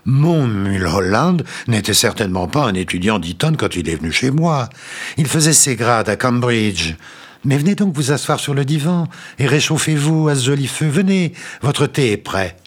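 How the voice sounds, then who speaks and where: A man reading a story aloud, voicing a sweet-talking landlady who gushes and flatters in a raised voice. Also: medium pitch, normal speed, slightly rough, voice pushed up. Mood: coaxing. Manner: gushing, honeyed, flattering. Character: sweet-talking older landlady, fussy and cloying.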